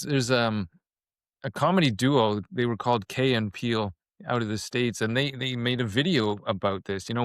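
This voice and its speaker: A man's voice: medium pitch, a bit bright, clean tone, dry recording, studio quality. A man in his fifties from Canada, talking reflectively as a podcast guest and often repeating a word as he starts a thought. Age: 50s. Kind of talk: casual conversation.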